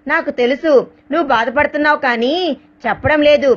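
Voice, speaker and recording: A woman's voice: sits high, brisk, highs cut off, close to an everyday voice. A woman voicing an angry, hurt young bride who keeps demanding answers, pleading and accusing, in a storybook reading.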